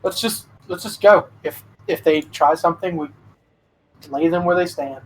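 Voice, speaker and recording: A man playing a tabletop game in casual chat. He hesitates and restarts his phrases often. His voice sits a little high, with faint background noise. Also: normal speed, poor audio. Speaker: player.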